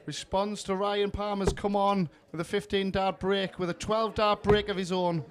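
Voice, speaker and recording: A man's voice: sits high, little pitch movement, normal speed. A man giving live darts commentary in short, punchy, admiring phrases.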